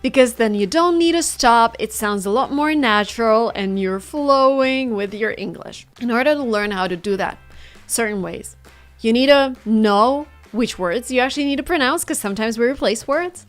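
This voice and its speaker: Over soft background music, a Russian-accented woman runs an online English class at a moderate pace. Her voice is a little high, and she demonstrates example phrases in a lively way, exaggerating the rise and fall of her intonation.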